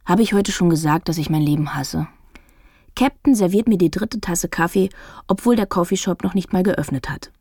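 A woman narrating a first-person novel as an audiobook, wry and lively. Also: on the low side, normal speed, husky, dry recording, studio quality.

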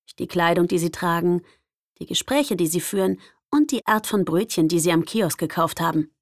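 A young woman narrating a first-person audiobook in a lively, expressive way. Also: on the low side, moderate pace, dry recording, studio quality.

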